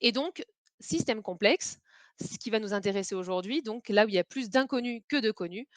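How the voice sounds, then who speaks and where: A woman presenting a webinar on facilitation in a conversational, hesitant way, often pausing on filler sounds. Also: fairly high pitch, animated, no room sound.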